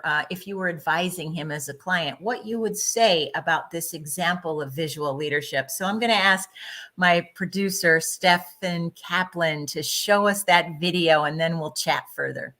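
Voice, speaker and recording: A woman's voice: fairly low pitch, pushed and bright. A woman hosting an online interview, articulate and steering the conversation. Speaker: host. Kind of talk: casual interview chat.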